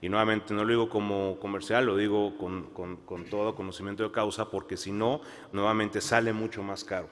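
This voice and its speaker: A man's voice: on the low side, little pitch movement. Man panelist in a reverberant hall. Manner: measured, many fillers and restarts. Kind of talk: panel discussion. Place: conference hall.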